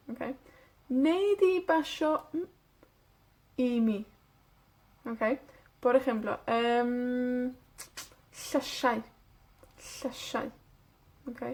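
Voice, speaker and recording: A woman from Wales with a Welsh accent, teaching a beginners' language lesson and repeating phrases slowly so learners can say them back. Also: sits high.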